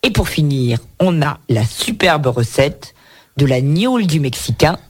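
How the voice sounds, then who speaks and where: A man's voice: fairly high pitch, sing-song, measured pace. A man hosting a radio book segment, presenting a cookbook in a chatty way with playful asides. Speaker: radio book show host. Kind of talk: reviewing books on air.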